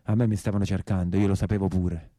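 A male actor with a low, dark voice performs a theatrical monologue as a bitter, aggrieved peasant brigand locked in prison, using emphatic, repetitive dialect and a southern Italian accent. He talks fast in a level tone, and the natural-sounding recording has no echo.

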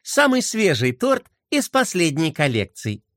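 A man's voice: a little high, huge pitch swings, unhurried, fairly bright tone, dry recording, full character voice. A gracious princess who coos over her guests, light and lilting, as a man puts her on. Dry, close storybook reading. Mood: cooing. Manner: cooing, gracious. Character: sweet cooing princess hostess.

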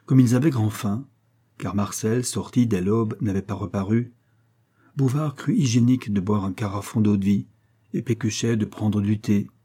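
A man narrating a classic novel as an audiobook, with measured, even reading. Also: on the low side, breathy edge.

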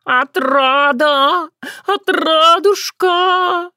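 A fussy, dramatic talking tomcat who wails, scolds and pities himself, as a woman puts him on. His voice sits high and loud and stretches his words into drawn-out howls. It is a storybook recording, dry and close. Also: animated, dry recording. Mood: wailing. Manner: wailing, scolding, self-pitying. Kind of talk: audiobook character voice.

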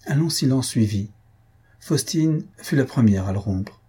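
A man narrating a classic novel as an audiobook in a measured, steady reading. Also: medium pitch, husky.

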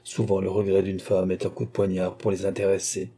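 Audiobook casting: a man narrating a classic novel, measured and literary, with a very dark, husky tone. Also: deep voice, completely flat delivery.

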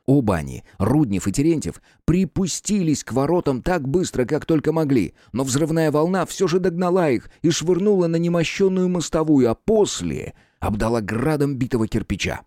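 A man reading an action story aloud as narrator, in a dramatic, animated way. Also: on the high side, normal speed, hardly any pauses, no echo, studio quality. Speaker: audiobook narrator. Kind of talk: scripted narration.

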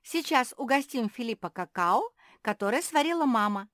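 A woman doing a shrill bossy pug girl. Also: expressive, normal speed, no echo, studio quality. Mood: teasing. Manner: shrill, teasing, shouting. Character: loud bossy young female pug sister.

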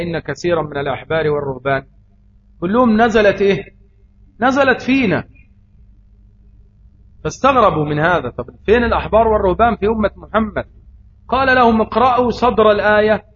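A man's voice: sits high, a bit bright. A man with an Egyptian accent giving a religious lesson, posing rhetorical questions and answering them himself. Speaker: preacher. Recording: slightly dull audio, faint noise.

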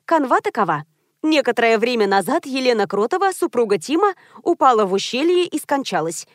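A woman voicing a pushy, scheming female publicist who talks briskly and confidently in an audiobook. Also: a little high, sing-song, no echo, clean studio sound.

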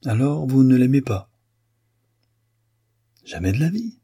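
A man's voice: fairly low pitch, a little fast, mellow, breathy edge. A man reading an audiobook, voicing an impetuous young male violinist who answers with vehement, disdainful outbursts. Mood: pleading.

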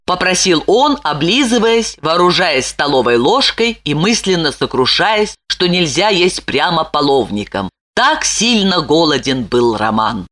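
A woman narrating an audiobook in an expressive way. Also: low-pitched, a little slow, few pauses. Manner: expressive, lively.

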